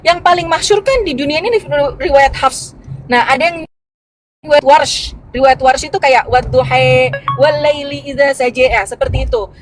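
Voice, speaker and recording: Talking to viewers from the road, a woman hosts a live religious debate stream, explaining at length in a casual way full of restarts and fillers. Her voice sits high, and the recording quality is low.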